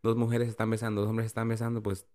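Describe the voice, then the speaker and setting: A man talking in a casual conversation, halting and hesitant, with some English words mixed into his Spanish. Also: on the low side, monotone, dark tone.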